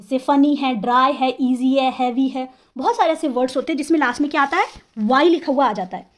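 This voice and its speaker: High-voiced woman teaching English grammar. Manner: repeats words slowly to show syllables; asks and answers her own questions.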